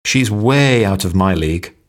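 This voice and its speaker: An animated man with a fairly low pitch reads at a measured pace, presenting short everyday phrases for learners one after another and performing the intonation of each.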